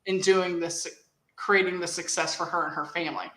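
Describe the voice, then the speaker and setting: A woman hosts a casual chat with a bright, forward voice, telling stories with energy and laughing easily. The room adds a noticeable echo. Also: on the low side, normal speed. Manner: animated storyteller, laughs easily. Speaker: host.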